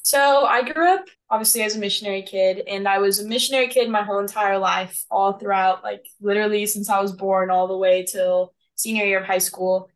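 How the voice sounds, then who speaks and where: A woman's voice: mid-range voice, fairly even intonation, a little fast, few pauses. A woman in her twenties who grew up in El Salvador, a podcast guest telling stories in a bubbly, giggly way. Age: 20s. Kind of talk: casual storytelling.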